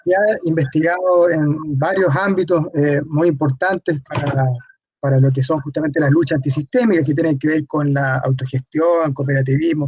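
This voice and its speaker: A man hosting an interview program, introducing and questioning formally and deliberately, on dull lo-fi audio. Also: fairly high pitch, no echo.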